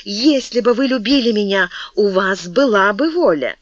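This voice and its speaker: A woman's voice: low voice, animated, slow, fairly bright tone, no room sound, dull audio, full character voice. Reader voicing Maria Mancini, a passionate young woman. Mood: impassioned pleading. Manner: impassioned, pleading, rising to exclamations. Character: young woman, passionate, pleading royal sweetheart.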